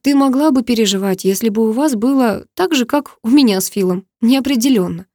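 A frank, loyal young woman friend, read by a woman narrator, talking plainly and with slangy reassurance in an audiobook. The voice sits fairly high yet sounds mellow and soft-edged. The recording is dry and close, with no room around it. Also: a little fast, no room sound. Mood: reassuring. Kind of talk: audiobook character dialogue.

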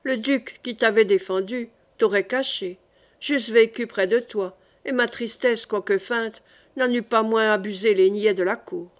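A woman's voice: fairly high pitch, unhurried, close to an everyday voice. A woman reading the part of a boisterous, half-clownish male nobleman in an audiobook. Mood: reproachful.

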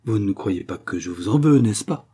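A man reading as a pompous middle-aged count who speechifies, pleased with the sound of his own words. The voice is dark and husky, a little raised, and rolls out grand phrases. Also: lowish voice, expressive, moderate pace. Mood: patronizing. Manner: grandiloquent, lecturing, full of himself.

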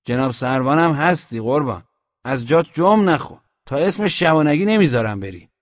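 A stubborn, simple-minded young soldier standing guard, voiced by a man, pushing his point in a raised, insistent voice pitched above the storyteller's own. The audiobook recording is dry and a little dull, with no room around it. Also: animated, dry recording, long reverb tail, close to an everyday voice.

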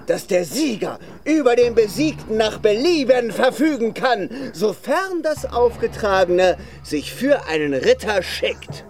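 A man's voice: high voice, full character voice. A man playing a boastful, lovesick, theatrically mournful knight in a radio play, declaiming pompously. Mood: defiant. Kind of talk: German radio play acting.

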